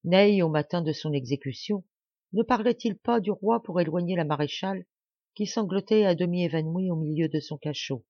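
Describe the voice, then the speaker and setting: A woman reader voicing a sober male lawyer who speaks in a hushed, measured way. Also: on the low side, no room sound, lo-fi sound. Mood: grave.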